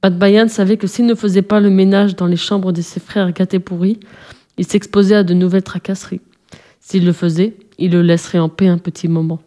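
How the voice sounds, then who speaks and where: Mellow-voiced woman reading a story. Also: mid-range voice, steady tone, fairly quick. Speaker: narrator. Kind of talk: scripted storybook narration.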